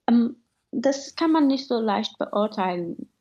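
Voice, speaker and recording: A woman's voice: on the high side, expressive, slow, a little mellow, muffled recording. A woman from Afghanistan, a studio guest, speaking earnestly and reflectively in a radio interview.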